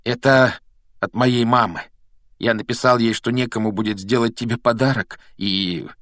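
A man voicing an excitable, easily awed boy wizard in a storybook reading, with high, breathless exclamations. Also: normal speed, no room sound, natural voice. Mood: excited.

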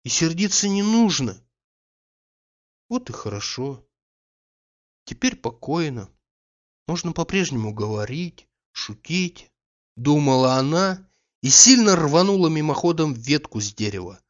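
A man narrating a literary audiobook in a measured, expressive reading. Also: on the high side, muffled recording.

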